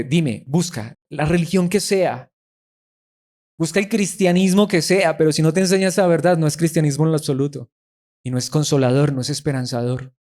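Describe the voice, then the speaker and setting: A man's voice: fairly high pitch, a little mellow. A man preaching a sermon emphatically, asking his listeners rhetorical questions and repeating words for stress.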